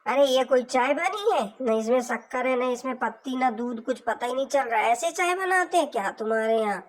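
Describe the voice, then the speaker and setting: A woman's voice: a little high, a little fast, lightly acted. A woman voicing an arrogant young married daughter who finds fault with her sister-in-law in a homemade family drama skit. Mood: scornful. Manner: scornful, fault-finding.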